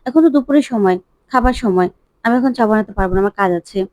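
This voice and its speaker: A woman's voice: on the high side, fast, a little mellow, no room sound, lightly acted. A woman reading a scornful young woman's scolding. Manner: scolding, snapping. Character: sharp-tongued young woman, scornful and hostile.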